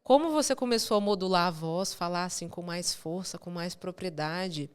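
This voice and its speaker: A woman's voice: lowish voice, moderate pace, smooth. Chatty woman hosting a podcast. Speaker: podcast host. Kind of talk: podcast interview.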